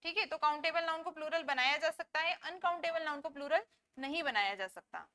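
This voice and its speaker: A woman with an Indian English accent teaching a classroom lecture, explaining slowly and asking and answering her own questions. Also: high-pitched, pushed and bright.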